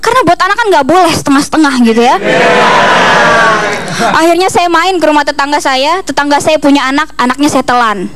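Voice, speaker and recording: Holding a handheld mic on a TV comedy studio stage, a young woman from East Kalimantan, Indonesia, performs stand-up. Her voice is high and a little fast, and a loud audience can be heard behind the stage mic.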